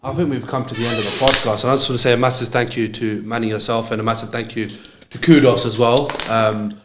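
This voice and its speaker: A man's voice: mid-range voice, fairly even intonation, fast. A man hosting a casual podcast interview, upbeat and eager as he prompts his guest. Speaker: podcast host. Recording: roomy echo with clear background noise.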